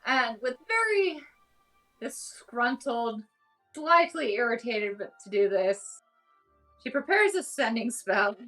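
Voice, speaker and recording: Bright, high-voiced woman playing a tabletop game. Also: big pitch swings, slow pace, soft background music, low-quality recording. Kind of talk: casual game narration in third person.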